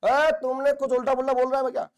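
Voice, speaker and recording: A man from India teaching chemistry to a class, his voice sitting very high for a man. He teases and scolds the students in a playful way and repeats key phrases again and again to drill them in. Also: flat delivery, racing, smooth. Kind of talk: classroom lecture.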